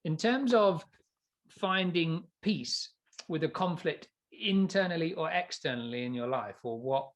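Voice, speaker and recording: His voice is on the high side and measured in pace, though stuffy and nasal from hay fever. As a podcast co-host in casual conversation, he rambles, restarts with stammers and laughs often.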